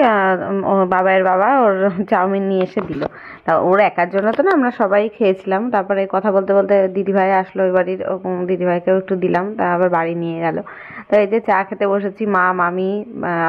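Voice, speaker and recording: A woman's voice: medium pitch, muffled recording. Chatty West Bengal woman doing chores. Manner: chatty, running commentary on chores. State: hoarse from a cold. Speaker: vlogger. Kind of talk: casual home vlog narration. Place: home, indoors.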